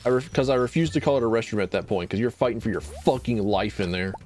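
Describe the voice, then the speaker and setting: A man's voice: lowish voice, fast, a little mellow. A young man streaming live, chatting casually in a rambling, self-deprecating way and swearing freely. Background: faint music.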